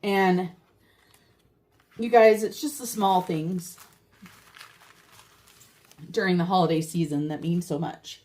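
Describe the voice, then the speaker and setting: A woman's voice: fairly low pitch, fairly even intonation, takes it slowly, long pauses, a little mellow. An older woman chatting casually as a vlogger, heartfelt and talking straight to her viewers. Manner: chatty and heartfelt, addresses viewers as you guys. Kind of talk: casual chat.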